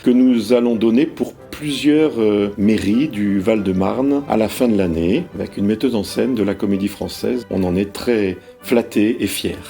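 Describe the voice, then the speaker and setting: A man talks about his work as a lyric singer in a calm, deliberate way. He pauses now and then as he explains. His voice sits low and mellow, with soft music faintly underneath. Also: creaky. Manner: measured, explanatory, with hesitations. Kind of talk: interview.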